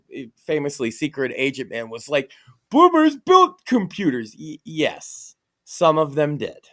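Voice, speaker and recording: A young man talks casually on a podcast with a mocking, animated delivery. His pitch swings widely as he lurches into exaggerated impressions of other people. His voice sits a little high for a man. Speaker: podcast host.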